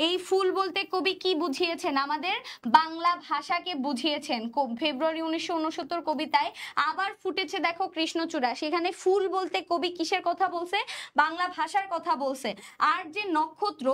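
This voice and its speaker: A woman's voice: extremely high pitch, fairly bright tone. A young woman teaching an exam-prep lesson, repeating each question and answer as she quizzes her students. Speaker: admission test teacher.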